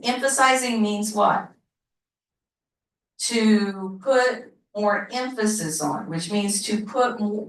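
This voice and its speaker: A woman teaching a Bible study class, talking slowly, repeating herself and asking the class questions. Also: medium pitch, recorded from a distance. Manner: slow, repetitive, asks the class questions. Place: church classroom. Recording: roomy, from off mic.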